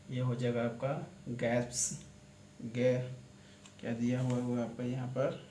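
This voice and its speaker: A man gives a casual shorthand lesson, walking through examples one by one and repeating the same phrases. His voice stays flat and even, with little rise or fall. He is recorded in an echoey room with a faint hiss behind him. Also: mid-range voice. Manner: repetitive, walks through examples step by step. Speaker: shorthand teacher.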